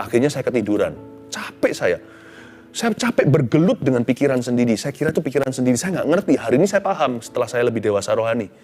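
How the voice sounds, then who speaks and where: A middle-aged man preaching a sermon, telling a personal story with animated swings between loud exclamations and hushed tones, mixing in English phrases. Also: medium pitch. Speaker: pastor.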